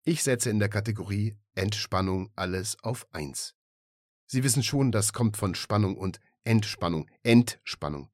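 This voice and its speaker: A man playing a brisk woman travel agent. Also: fairly low pitch, no room sound, studio quality, close to an everyday voice. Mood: businesslike. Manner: polite, businesslike, slightly patronizing. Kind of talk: audiobook reading.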